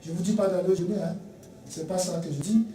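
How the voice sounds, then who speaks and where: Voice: medium pitch, fairly even intonation, fast talker, mellow, far from the mic, a little hiss or hum. A preacher delivering a sermon emphatically, repeating key phrases and acting out little dialogues. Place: church sanctuary. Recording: echoey church recorded from afar.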